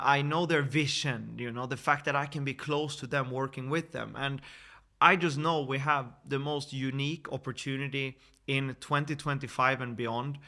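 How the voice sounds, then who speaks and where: Bright-voiced Swedish man in his thirties. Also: medium pitch. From Sweden. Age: 30s. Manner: earnest, persuasive, with frequent fillers and restarts. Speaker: network marketing presenter. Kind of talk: screen-share sales presentation.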